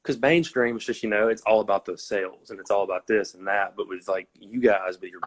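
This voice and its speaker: Joining a phone livestream as a fan caller, a man with a lowish, brisk voice chats casually. He's earnest yet meandering, his speech full of fillers.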